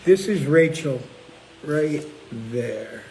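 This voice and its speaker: Speaking very slowly in a voice on the high side, a middle-aged cookbook author and channel host leads a casual chat, telling stories and animatedly acting out quoted people. Poor audio with a little hiss or hum.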